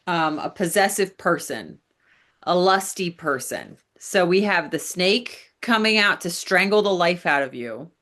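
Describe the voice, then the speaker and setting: Woman, lower voice, chatty tarot reader who talks straight to the viewer. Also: a bit bright. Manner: chatty, addresses the listener directly, many fillers. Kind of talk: casual tarot reading.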